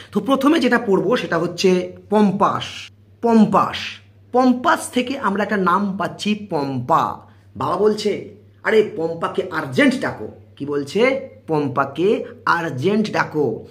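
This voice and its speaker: Lively quiz teacher. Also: male voice, high-pitched. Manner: drills with repeated questions and answers. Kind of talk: YouTube general-knowledge lesson.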